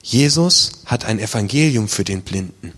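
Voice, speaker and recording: A man's voice: fairly low pitch, lively intonation, moderate pace, a bit bright, husky. A man preaching a sermon as pastor, in a colloquial, vivid way that acts out the voices he quotes. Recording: long reverb of a large hall.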